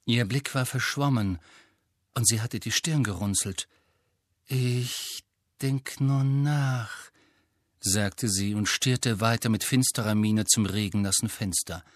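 This audiobook narrator, a man with a fairly low pitch, reads his script at an even, measured pace. The sound is dry and studio quality.

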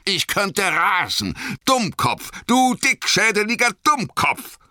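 Male reader doing a fierce, desperate grown warrior, storybook reading, bright and dry. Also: medium pitch, big pitch swings, measured pace, no room sound, voice pushed up. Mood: raging. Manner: pleading then raging, fierce outbursts. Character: proud desperate warrior man, grown tall and strong.

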